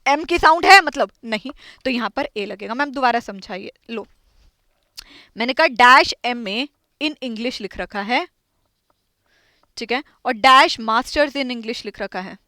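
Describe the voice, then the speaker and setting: A woman's voice: on the high side, lively intonation, slow, pauses often, pushed and bright, no echo. A woman teaching an English grammar lesson, quizzing her students and repeating each point. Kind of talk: classroom lesson.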